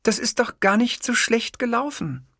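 A man doing a female producer with a soothing, softly commanding voice, raised higher than his own. Bright and lively in melody, recorded dry for an audiobook. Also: moderate pace, vocal fry, dry recording, full character voice. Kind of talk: audiobook reading.

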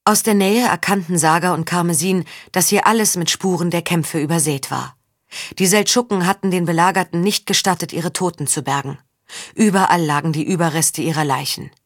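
A woman narrating a fantasy novel in a measured, even storytelling manner. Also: on the low side, no echo, studio quality. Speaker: audiobook narrator. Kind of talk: scripted narration.

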